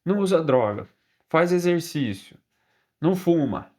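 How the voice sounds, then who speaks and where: A man with a Brazilian accent voicing a calm older woman emergency dispatcher who asks questions. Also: low-pitched, unhurried, pitched above the performer's own voice. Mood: questioning.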